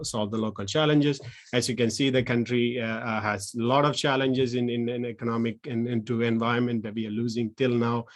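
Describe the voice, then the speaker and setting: He's a man in his thirties from Sri Lanka who works as a social entrepreneur, and he speaks at medium pitch. In this online presentation, his speech is halting and full of restarts.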